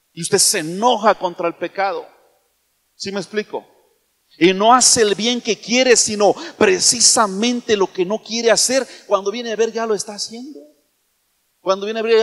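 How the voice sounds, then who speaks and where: A man's voice: high-pitched, fairly bright tone, in a large hall. A man preaching a sermon in a church, emphatic and firing questions at the congregation.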